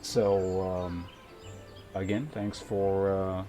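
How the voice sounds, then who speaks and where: Very slowly and flatly, in a low, warm voice, a man chats while livestreaming a game over background music. His talk rambles as he thinks out loud, sometimes turning profane.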